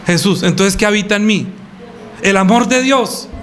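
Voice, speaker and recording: A man's voice: high-pitched, moderate pace, fairly bright tone, a little hiss or hum. A man preaching a sermon as pastor, asking the congregation questions and answering them, calling listeners by name.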